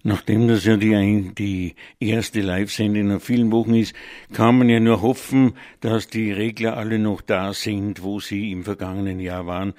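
A man's voice: fairly low pitch, darkish tone, dry recording, clean studio sound. A man presenting a live music radio show, speaking off the cuff with a slightly congested nose, hesitant and digressive, often correcting himself. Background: music playing under the voice.

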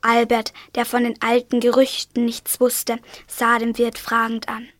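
Teen girl narrator, flat delivery, high-ish, reverberant, school radio play. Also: unhurried. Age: teens.

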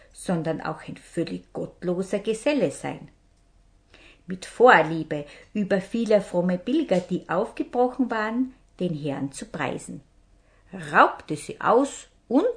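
A woman hosting a herb show, reading a fairy tale aloud slowly and dramatically. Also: medium pitch. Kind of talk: storytelling narration.

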